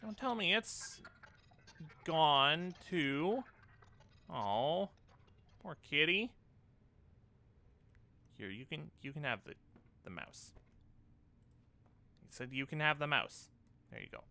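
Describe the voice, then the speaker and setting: Bright, animated gamer doing playthrough commentary. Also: mid-range voice, takes it slowly, pauses often. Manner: playful, sing-song asides to game characters. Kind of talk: casual let's-play commentary.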